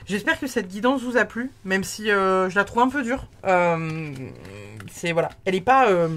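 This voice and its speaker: A woman giving a casual tarot reading, chatty and warm in tone, with many fillers and restarts. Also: mid-range voice, moderate pace. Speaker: tarot card reader.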